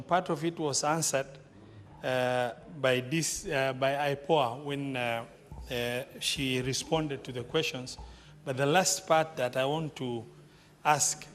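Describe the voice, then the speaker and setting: A man with a Kenyan accent, a senator putting questions formally in parliament, with halting, deliberate phrasing. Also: a little high, a bit bright. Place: large parliamentary chamber. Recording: reverberant hall with faint background noise.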